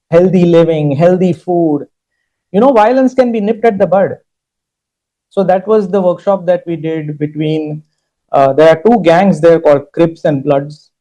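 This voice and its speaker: A man's voice: high voice, mellow, rough recording. A man speaking as a guest at an industry summit, telling stories and stacking up points in lists. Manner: storytelling, emphatic lists. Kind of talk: conversational interview talk.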